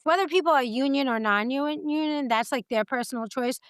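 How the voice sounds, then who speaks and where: A woman's voice: high-pitched, fairly quick, no room sound, clean studio sound. A woman from Rhode Island with a strong local accent, hosting a casual interview. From Rhode Island, United States. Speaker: interview show host.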